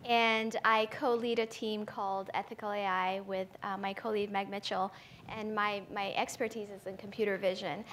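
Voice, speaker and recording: With a mid-range, fairly bright voice and a flat delivery at a moderate pace, an Ethiopian woman speaks as a panelist at a conference forum, with slight background noise. An AI researcher, she thinks aloud conversationally amid many fillers and restarts, tagging "right?" onto the end of points.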